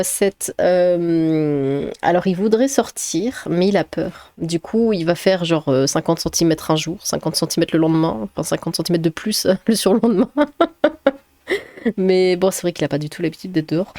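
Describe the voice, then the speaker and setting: A woman's voice: fairly low pitch, dark tone, no echo. A woman chatting casually as a vlogger, laughing often, with many fillers and restarts. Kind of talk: casual chat, reading a quiz aloud.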